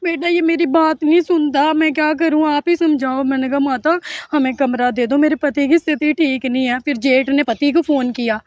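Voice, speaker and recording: A woman's voice: sits high, fairly even intonation, normal speed, few pauses, dry recording. A middle-aged woman giving an earnest, pleading personal testimony to an interviewer, often acting out what others said. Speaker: interviewee telling her account. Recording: dull, dry lo-fi recording.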